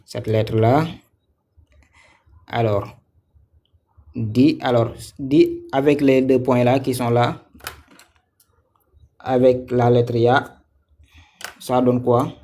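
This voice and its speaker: A man teaching a reading lesson live, slow and patient as he sounds out each syllable again and again. His voice is dark and mellow, and he keeps checking in with students and praising their answers. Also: mid-range voice, fairly even intonation.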